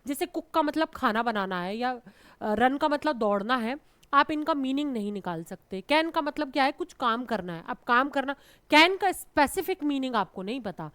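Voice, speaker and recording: Indian woman grammar teacher, high-pitched, patient explainer, dry recording. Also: lively intonation, normal speed, fairly bright tone, clear, resonant tone, no echo. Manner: explains patiently, calls students "beta"; repeats and checks with "theek hai". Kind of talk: classroom grammar lesson.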